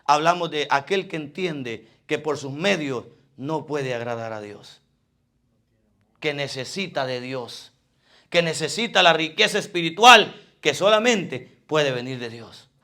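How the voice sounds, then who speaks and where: Fervent high-voiced preacher, gravelly and bright. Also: male voice, animated, a little slow. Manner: fervent, swings between loud emphasis and quiet asides. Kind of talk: sermon.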